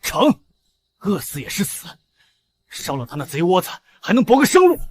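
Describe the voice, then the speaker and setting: An actor playing a desperate, starving village ruffian who talks bluntly and roughly. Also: male voice, high voice, huge pitch swings, normal speed, a little mellow, full character voice.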